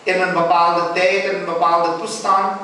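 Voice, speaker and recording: Animated man preaching in an echoey hall. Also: high voice, normal speed. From Suriname. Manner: animated storyteller, acts out quotes. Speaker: spiritual teacher. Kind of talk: satsang sermon with storytelling. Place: ashram hall. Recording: very echoey hall, far from mic, faint noise.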